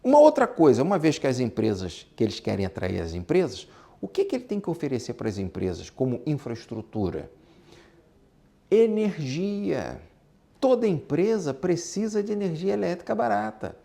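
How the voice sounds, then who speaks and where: His voice is a little high, gravelly, and warm, with huge pitch swings at a normal speed. A Brazilian-accented business instructor, he gives an informal lecture on exporting and business, emphatic and repetitive, posing rhetorical questions along the way.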